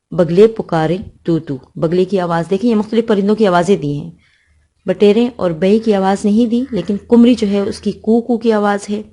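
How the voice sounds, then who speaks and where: Mellow-voiced Pakistani woman teaching a poem. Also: mid-range voice. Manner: recites verses then explains them line by line, checks with "ٹھیک ہے". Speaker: school teacher. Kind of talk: Urdu poetry lesson, reciting and explaining verses.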